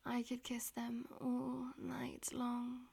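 A woman voicing a dominant, teasing female demon in an audio roleplay, speaking mostly in breathy, domineering whispers. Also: a little high, monotone, slow, darkish tone, heavily acted.

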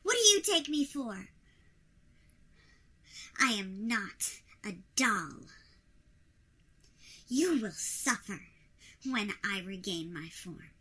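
A woman's voice: mid-range voice, sing-song, slow, pauses often, bright, forceful tone, breathy edge, heavily acted. A woman voicing a shrunken queen who protests imperiously and indignantly at her captor.

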